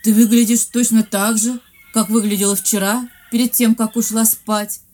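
A narrator voicing a tired fairy mother who gently scolds her daughter in a storybook. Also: sits high, level tone, moderate pace, pitched above the performer's own voice, lightly acted. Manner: sad, admonishing.

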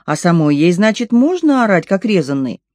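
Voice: medium pitch, sing-song, normal speed, a little mellow, dry recording, natural voice. A reader voicing a crude, mocking neighbour woman in an audiobook. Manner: rude, mocking. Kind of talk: audiobook reading.

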